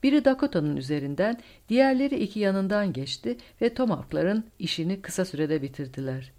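A woman narrating a war novel audiobook with dramatic, expressive storytelling. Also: mid-range voice, a little fast. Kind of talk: scripted narration.

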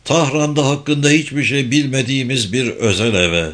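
A man voicing a calm, formal male intelligence officer giving a briefing in a spy audiobook. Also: medium pitch, normal speed, voice pushed up, natural voice.

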